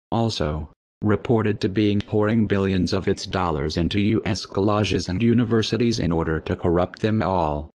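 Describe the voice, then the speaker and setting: A man with a disguised deep voice reading an anonymous message as scripted narration, grave and steady.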